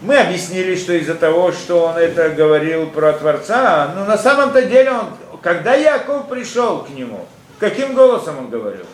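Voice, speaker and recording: A man's voice: sits high, very animated, moderate pace. A man giving a Torah lesson to students. He explains through rhetorical questions and quotes Hebrew verses. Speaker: Torah teacher. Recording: echoey room with faint ambience.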